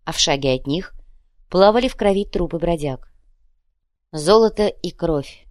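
A woman narrating a tense audiobook in a measured voice. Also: on the low side, expressive, a little mellow, no room sound, clean studio sound.

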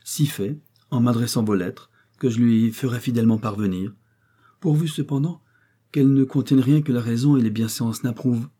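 An imperturbable, stiff provincial notary speaks in formal, measured phrases, as a man reads him. The voice is dark and husky, part of a spoken storybook. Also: medium pitch, voice pushed up, close to an everyday voice. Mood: composed. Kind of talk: audiobook character voice.

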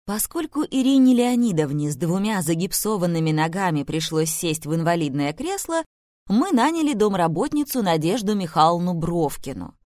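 A woman narrating an ironic first-person novel as an audiobook, reading in a lively, expressive way. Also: lowish voice, normal speed, no echo, clean studio sound.

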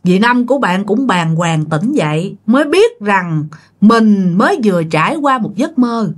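A woman's voice: medium pitch, sing-song, unhurried. A woman narrating a ghost story in a chatty way, talking straight to her listeners. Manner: chatty, addresses listeners directly.

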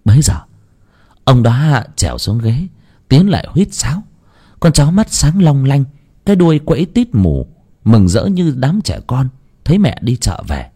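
Guy narrating a ghost story, husky, super up-and-down delivery. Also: medium pitch, a little slow. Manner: folksy, expressive storytelling.

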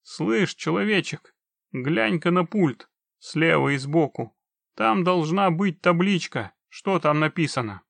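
A man voicing a cold, mercenary witcher who speaks with chilling, mocking calm. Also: fairly high pitch, slow, gravelly, no room sound, voice pushed up, full character voice. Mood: coldly mocking. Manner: icily calm, dry, mocking. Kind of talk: audiobook reading.

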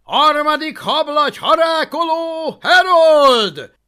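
A woman's voice: high voice, lively intonation, pushed and bright, voice pushed up. A woman voicing a vengeful villain man who bellows his commands. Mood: gloating.

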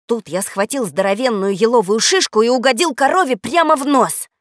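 A woman narrating a children's audiobook in a lively, expressive manner. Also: a little high, a little fast, no room sound, clean studio sound.

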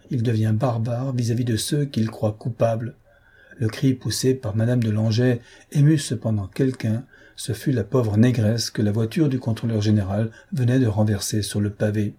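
A man narrating an audiobook novel in a measured, dramatic reading style. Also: medium pitch, steady tone, warm tone, breathy edge. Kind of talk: scripted narration.

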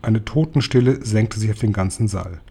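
A man reading a children's novel aloud as narrator, calm and even. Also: fairly low pitch, normal speed, vocal fry, husky. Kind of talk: audiobook reading.

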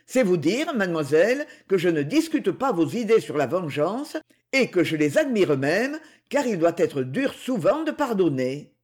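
A reader voicing a stern, courteous brigand king who speaks gravely and with conviction. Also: sits high, big pitch swings, normal speed, a little mellow. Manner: cool, courteous, solemn.

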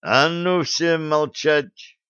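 A man's voice: medium pitch, expressive, a little slow, a bit bright, dry recording. A man reading an audiobook, voicing a harried, short-tempered young starship captain who barks orders. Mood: shouting. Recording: dull dry close recording.

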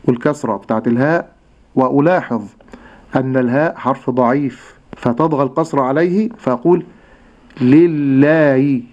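A man with an Egyptian accent teaching Quran recitation on a radio lesson, speaking slowly and patiently and drawing out words to demonstrate sounds. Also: medium pitch. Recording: dull lo-fi radio recording.

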